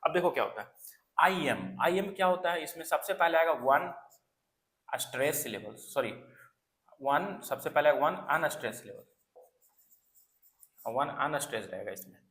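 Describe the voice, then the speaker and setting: Animated and fairly bright, this man's voice sits on the high side as he gives an exam coaching lecture at a moderate pace, leaving long pauses. He repeats key terms and often checks in with "है ना" and "clear", all in a reverberant room.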